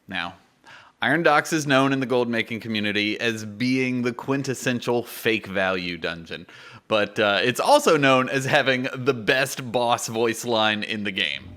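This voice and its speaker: Male gaming YouTuber, twenties: crisp-edged bright delivery, mid pitch, informal explainer, conversational with punchy emphasis, close-miked. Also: measured pace. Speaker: YouTube gaming guide host. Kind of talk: informal explanatory video commentary. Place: small indoor home studio. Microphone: close microphone on boom arm.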